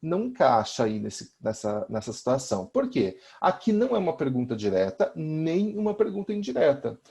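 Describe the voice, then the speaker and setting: A man's voice: on the high side, very animated, normal speed, vocal fry, dark tone. A man with a Brazilian Portuguese accent teaching a recorded lesson, explaining step by step and often checking in with his students.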